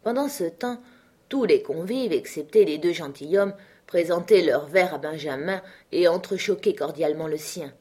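A woman reading a classic novel aloud in measured, even scripted narration. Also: on the low side, slightly rough. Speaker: audiobook reader.

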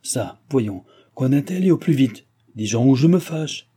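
A man's voice: mid-range voice, lively intonation, moderate pace, dark tone, slightly rough. Man doing a haughty hot-tempered young vicomte. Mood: impatient. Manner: arrogant, imperious, raised voice. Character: haughty impatient young nobleman, quick-tempered.

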